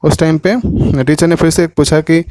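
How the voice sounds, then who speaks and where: A man's voice: on the high side, flat delivery, normal speed, darkish tone, no echo. A man with a Gujarati accent, teaching a class lesson and retelling the story in detail, voicing its dialogue as he goes. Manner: retells the story in Hindi with English words, acting out quotes.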